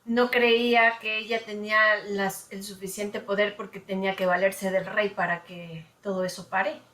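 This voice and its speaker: A woman's voice: medium pitch, little pitch movement, normal speed, sharp tone. A woman from the congregation tentatively offering an answer during a sermon. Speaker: congregation member. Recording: roomy, distant from the mic.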